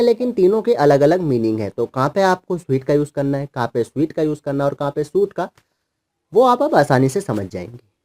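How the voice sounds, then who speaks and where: Speaking in Hindi, a man whose voice is slightly high yet dark in tone walks children through English vocabulary. He explains what the words mean and spells them out patiently, one letter at a time.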